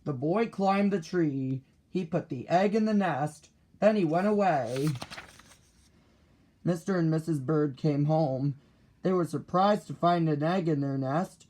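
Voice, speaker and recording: A man reading a children's picture book aloud, deliberate and expressive. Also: fairly high pitch. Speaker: storybook reader.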